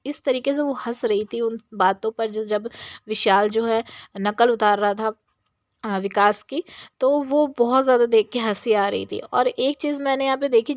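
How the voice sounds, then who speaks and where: A woman's voice: a little high, no room sound, studio quality. A woman giving a casual, opinionated recap of a reality show episode, with many filler phrases. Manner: chatty, repeats "yahan pe" and "jo hai" fillers; opinionated, voices her own reactions.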